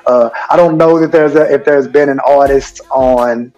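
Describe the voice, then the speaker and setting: A man, a high school basketball coach, answering interview questions in an earnest, rambling way full of fillers. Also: steady tone, normal speed, a little mellow, muffled recording. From Houston, Texas.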